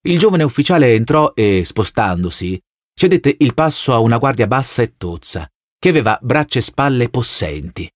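A man reading a novel aloud as an audiobook narrator, measured and expressive. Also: mid-range voice, no echo, studio quality. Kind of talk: scripted narration.

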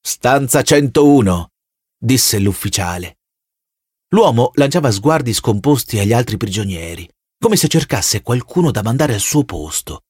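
A man reading a novel aloud as an audiobook narrator, measured and expressive. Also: mid-range voice, husky, no echo, clean studio sound. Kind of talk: scripted narration.

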